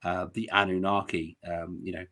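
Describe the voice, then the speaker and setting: A man's voice: low voice, little pitch movement, moderate pace, fairly bright tone. A man hosting a casual conversation, talking in a rambling, hesitant way. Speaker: host.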